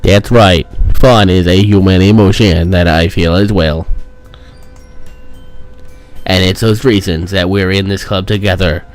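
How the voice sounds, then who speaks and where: A fairly low-voiced man reads a visual novel's lines aloud for a let's play, slowly and unhurriedly. He is playful, throwing in ad-libs along the way. Faint music plays underneath. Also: steady tone. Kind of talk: reading game dialogue aloud with jokes.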